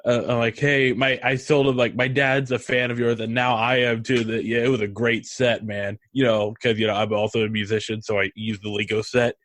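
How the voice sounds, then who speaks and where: A man's voice: mid-range voice, level tone, brisk, few pauses, fairly bright tone. A man co-hosting a podcast, chatting casually in a jokey, giggly storytelling way. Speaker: podcast co-host. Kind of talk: casual chat.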